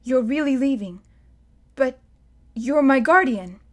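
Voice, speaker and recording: A woman's voice: sits high, animated, slow. A woman voicing an earnest young man, asking eager, pleading questions in a raised voice. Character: boy on the verge of manhood, earnest, pleading.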